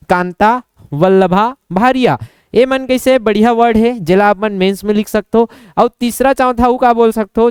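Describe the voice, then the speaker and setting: A man's voice: sits high, smooth, no room sound, studio quality. A young man with a Chhattisgarhi accent teaching an exam-prep Hindi lesson, playfully acting out little scenes and quizzing himself.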